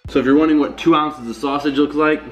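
Speaking quickly at a fairly high pitch with fairly even intonation, a man in his twenties who makes fitness vlogs talks casually through each step of his cooking. He's stuffed up with a cold, explaining plainly from a small home kitchen into a camera mic. The audio is dull, with faint music behind this how-to narration.

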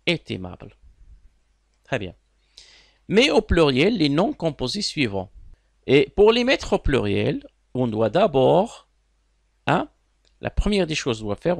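A man with a Moroccan accent teaching a class as he corrects an exam, explaining slowly, repeating words and asking his students questions. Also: mid-range voice, gravelly, no room sound, studio quality.

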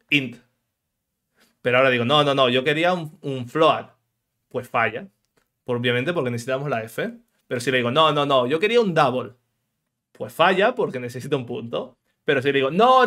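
A man's voice: high-pitched, a bit bright. A young man, teaching a programming tutorial in a playful, joking way and asking his viewers questions. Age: 20s. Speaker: programming instructor. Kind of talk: screen-recorded coding tutorial.

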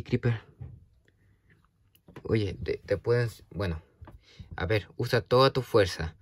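A man chatting to a silent companion in a halting, nervous way, stammering and restarting often, with sudden yelps. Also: mid-range voice, no room sound. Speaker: video creator talking to a toy character. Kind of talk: casual one-sided chat to a silent companion.

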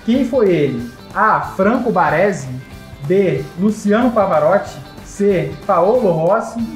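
A Brazilian woman acts as quiz host, reading questions and multiple-choice options aloud. Her voice sits at a middle pitch, echoey, with faint music underneath. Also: expressive, takes it slowly. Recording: echoey, light music behind.

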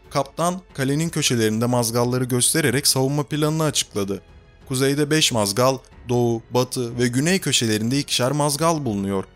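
Man narrating an audiobook slowly. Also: mid-range voice.

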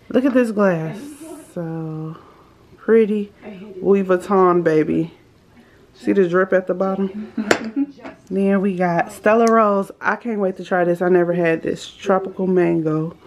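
A woman's voice: medium pitch, takes it slowly, a little mellow. Chatty woman vlogging to camera. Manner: blunt, swears freely when venting; chatty, keeps addressing viewers as y'all. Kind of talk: casual vlog chat to camera.

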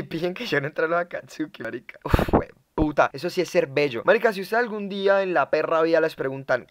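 Give me a young Colombian man chatting on stream, loud and crude, with a lively up-and-down voice. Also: on the high side. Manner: loud, joking and crude, swinging between shouts and mutters. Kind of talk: casual chat. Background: music.

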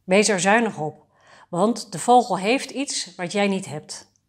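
A kindly miller from a storybook calls out in hearty, direct lines, as a woman reads him aloud. He speaks at a middling pitch. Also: lively intonation, measured pace. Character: kindly male miller, working man.

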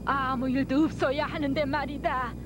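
Woman as old cartoon grandmother sorceress, stern, scolding, high pitch, loud rumbling noise. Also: steady tone, moderate pace, close to an everyday voice. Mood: stern, grave. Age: older. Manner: scolding, grave. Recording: noisy old videotape with rumble.

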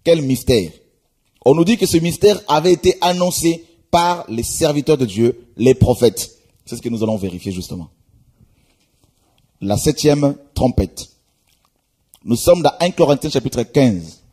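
A man preaching a sermon, reading scripture aloud and exhorting his listeners, often repeating "my friends" and pausing with hesitations. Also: medium pitch, animated, warm tone, breathy edge. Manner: exhorting, repeats "mes amis", many hesitations.

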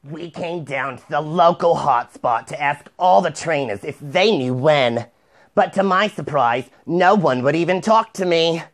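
Slow-talking spoof lady reporter played by a man. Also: on the high side. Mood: mock earnest. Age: young adult. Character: slow, earnest female field news reporter in a spoof. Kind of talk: mock news report. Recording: noticeable background noise.

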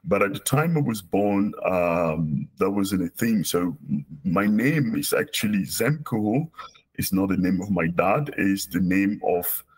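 A deep, lively voice with a breathy edge belongs to a Cameroonian professor of operational research in his forties, a guest in a relaxed video call interview from a small indoor office. He talks at a measured pace through a webcam, with frequent hesitations and restarts.

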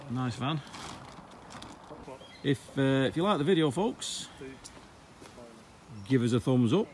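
A man hosting a club channel, chatting casually inside a campervan and asking quick follow-up questions. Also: medium pitch, lively intonation, a little hiss or hum, low-quality recording. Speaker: host of a club video channel. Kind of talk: casual walkthrough chat. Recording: loud background music.

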